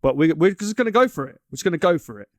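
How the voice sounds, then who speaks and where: Dude cohosting a chill podcast, jokey and rambly, dry close sound. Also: male voice, on the high side, lively intonation, racing, dry recording. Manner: joking, rambling, self-interrupting. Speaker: podcast co-host. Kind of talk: casual chat.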